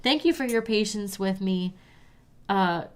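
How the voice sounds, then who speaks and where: A woman's voice: medium pitch, unhurried, smooth. A woman with a stuffy, nasal voice hosting a live crafting stream, chatting with viewers and answering their comments. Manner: chatty, talks straight to viewers as "you guys".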